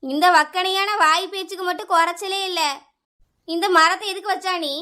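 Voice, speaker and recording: A high, piercing voice with a Kanyakumari Tamil accent belongs to a quarrelsome village neighbour, played by a woman. She scolds and complains without pause. Her tone is bright and sharp. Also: steady tone. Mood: scolding.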